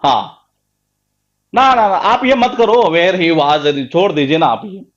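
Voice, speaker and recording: A man with a high voice teaches a grammar lesson, pressing his students with question after question and repeating each point for emphasis. The sound is dull and lo-fi. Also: big pitch swings, slow pace. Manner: emphatic, repetitive, quizzing students. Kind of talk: live online class lecture.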